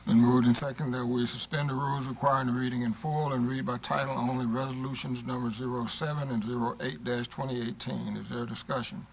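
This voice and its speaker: A man serving as mayor, running a council meeting in a brisk, businesslike, formulaic way. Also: medium pitch, flat delivery, rough recording. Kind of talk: formal meeting procedure. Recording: clear background room noise.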